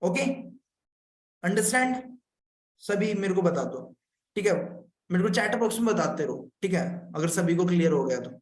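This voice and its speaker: A man's voice: high voice, expressive, moderate pace. A man from India, a business consultant, explaining a marketing plan on a live stream. He repeats his points and keeps checking that viewers follow. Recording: echoey room.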